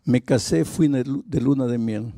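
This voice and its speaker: A man's voice: mid-range voice, normal speed, mellow, dry recording, studio quality, lightly acted. A male pastor speaking in the first person as a remorseful former drunk man confessing his past. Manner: confessional, heavy with guilt.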